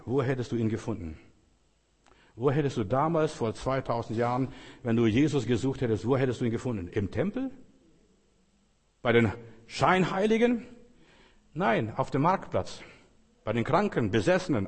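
Husky preacher with hall reverb. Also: male voice, medium pitch. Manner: dramatic, swings from loud outbursts to hushed murmurs. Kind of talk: sermon.

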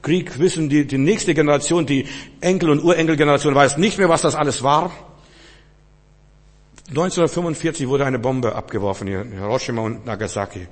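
A husky-voiced man preaches a sermon, pressing his points and then dropping to a hushed tone. His voice rings out with the long reverb of a large hall. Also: on the high side, a little fast. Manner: emphatic, swings between loud and hushed.

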